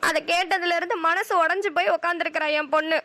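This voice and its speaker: A woman voicing a shrill, wailing village mother. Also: steady tone, fast talker, pushed and bright, no echo. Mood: aggrieved. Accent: Kanyakumari Tamil. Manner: wailing, scolding. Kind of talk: cartoon voice acting.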